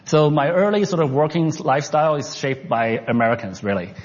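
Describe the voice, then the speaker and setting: This Canadian-raised entrepreneur and investor from China gives an unscripted interview, speaking haltingly with frequent restarts and fillers. His voice is fairly high and expressive. The recording is muffled and has a long reverb tail.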